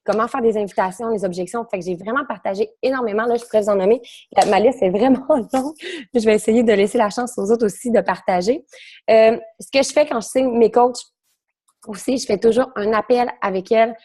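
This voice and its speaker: Quebecoise woman, young, talks super fast and rambly, bit of a throat tickle. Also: on the high side, dark tone. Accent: Quebec French. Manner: fast, rambling, self-correcting. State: something in her throat, coughing. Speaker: network marketing coach sharing her experience. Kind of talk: round-table testimony, casual.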